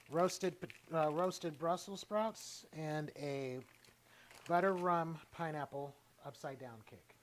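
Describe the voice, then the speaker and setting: A man's voice: on the high side, slow pace, a little hiss or hum. A man hosting a casual cooking livestream, playful and chatty, talking straight to his viewers. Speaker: cooking show host.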